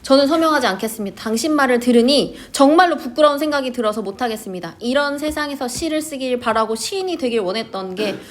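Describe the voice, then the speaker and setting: A woman's voice: high-pitched, lively intonation, fast talker, few pauses. Woman voicing an earnest, ashamed young poet; plain reading.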